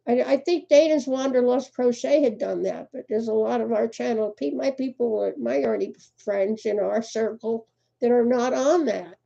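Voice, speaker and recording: A woman's voice: on the high side, moderate pace, creaky, mellow. An older woman, hosting a casual crochet livestream, chatty and laughing often as she greets viewers by name. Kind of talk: casual live chat. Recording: muffled lo-fi livestream audio.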